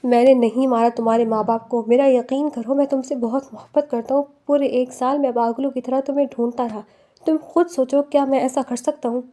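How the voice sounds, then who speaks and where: A woman voicing an anguished young husband who pleads urgently, in a high voice. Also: steady tone, warm tone, lightly acted. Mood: pleading.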